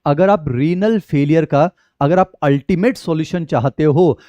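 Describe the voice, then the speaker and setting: An Indian man delivers an exam-prep biology lecture in a mellow, slightly high voice. He keeps calling his students children as he blends Hindi and English terms. The sound is dry and close, with no room echo. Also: moderate pace. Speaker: biology teacher.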